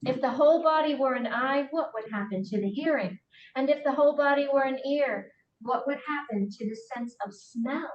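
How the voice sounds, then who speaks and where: Female lay scripture reader, high pitch, dull roomy distant sound. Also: normal speed. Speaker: participant reading scripture aloud. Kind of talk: read-aloud scripture. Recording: echoey room, distant dull mic.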